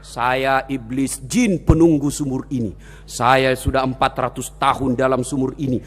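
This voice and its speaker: A man voicing a huge, centuries-old male jinn who lives in a well, speaking slowly and low, with long hall reverb. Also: fairly even intonation, faint music behind, natural voice. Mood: weary.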